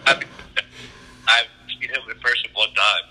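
A man with a thick-of-the-South Alabama accent talks casually over the phone. He is laid-back and swears freely, with a mid-range voice. The line is tinny and clearly noisy. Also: mid-range voice, steady tone, takes it slowly, bright, forceful tone. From Alabama, United States. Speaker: phone-in guest. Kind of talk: casual joking phone chat. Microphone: telephone.

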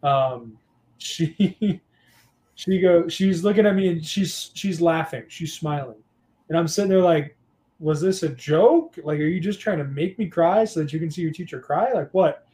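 Mellow-voiced young man telling stories. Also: a little high, normal speed. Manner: storytelling, animated, many fillers. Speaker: guest and teacher. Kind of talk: casual podcast chat.

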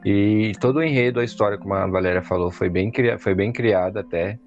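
A man with a lowish voice weighs in on a film, pausing and restarting as he looks for words. His sound is dull and lo-fi. Faint music plays under him. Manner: hesitant, searching for words. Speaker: podcast co-host. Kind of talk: casual movie review chat.

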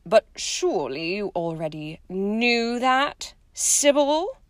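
A woman reading aloud and voicing a brisk older woman professor who speaks tartly, dryly and impatiently. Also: mid-range voice, sing-song, no echo. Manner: tart, dry, impatient. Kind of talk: storybook reading.

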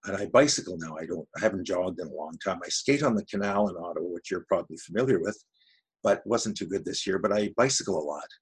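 A man's voice: sits low, expressive, fast, husky. A retired man in his sixties from Canada, chatting in an interview about his voice-over work in a rambling, self-deprecating way. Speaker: voice-over artist guest. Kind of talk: casual interview chat.

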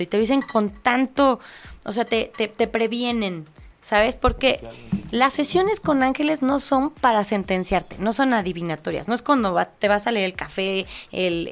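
A woman with a Mexican accent, a guest on an interview show, telling stories in lively casual chat and acting out the voices of the people in them. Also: mid-range voice, moderate pace. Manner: animated storytelling, acts out quoted voices, laughs often. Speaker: angel medium guest.

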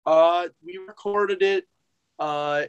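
Easygoing young musician from New Jersey. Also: male voice, high voice, takes it slowly, clean tone, lo-fi sound. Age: young adult. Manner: easygoing, hesitant with fillers. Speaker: musician guest. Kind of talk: casual interview chat.

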